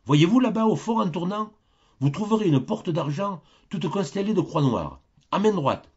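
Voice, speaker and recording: Un homme qui prête sa voix à un vieux saint bienveillant, gardien du paradis, au ton familier et serviable, dans un livre audio. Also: male voice, high-pitched, lively intonation, normal speed, slightly rough, lo-fi sound, pitched above the performer's own voice, full character voice. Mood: reassuring. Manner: warm, familiar and obliging. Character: kindly old male saint, heaven's gatekeeper.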